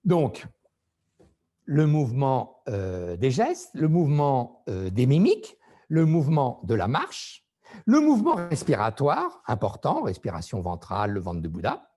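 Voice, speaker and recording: A man coaching public speaking, giving a didactic lecture and showing pitch and emphasis with his own voice. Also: wildly swooping pitch, unhurried, dark tone. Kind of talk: didactic lecture on vocal delivery.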